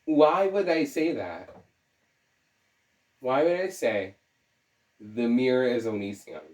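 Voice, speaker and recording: A young man with a sore throat delivers animated, rambling video essay commentary in a darkish, mid-range voice at a slow pace. He's scattered and jokey, frequently interrupting himself. The recording sounds roomy, with him set back from the mic.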